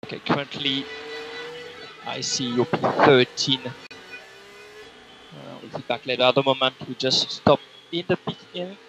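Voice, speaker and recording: Speaking at a moderate pace with long pauses, a male race engineer delivers methodically repeated instructions through a radio headset. His voice is medium-pitched. The race car onboard radio audio is filtered and noisy, with clicks and vehicle sound.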